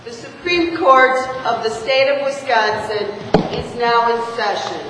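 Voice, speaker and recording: High-pitched woman crying out like a town crier. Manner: loud, formal, drawn-out calling out. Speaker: court crier. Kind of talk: ceremonial town crier style proclamation. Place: large courtroom. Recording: very echoey reverberant courtroom, clear background noise.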